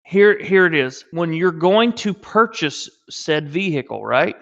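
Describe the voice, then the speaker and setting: Man, tipsy, slightly slurred, rambling podcast co-host, higher voice, dull lo-fi sound. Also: expressive, a little slow, gravelly, fairly bright tone. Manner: rambling, keeps asking "right?". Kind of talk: casual chat. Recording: dull lo-fi mic.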